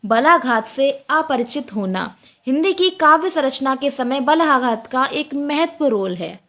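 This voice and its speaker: A woman teaching an exam-prep lecture, repeating each point slowly and asking and answering her own questions. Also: sits high, a bit bright.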